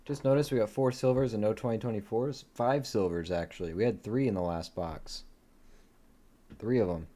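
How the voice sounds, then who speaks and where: A man hosts a live coin-hunting stream, murmuring coin dates in a steady run and dropping easygoing asides to his viewers. His voice sits a little low, with a warm, mellow tone. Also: moderate pace. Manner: easygoing, laughs at his own dad jokes. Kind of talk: casual live-stream commentary.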